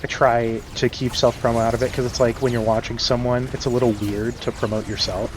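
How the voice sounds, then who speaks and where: A man's voice: mid-range voice, level tone, fairly quick, slight background noise. A man streaming a game and chatting casually, rambling with many fillers and frequent chuckles. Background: game music.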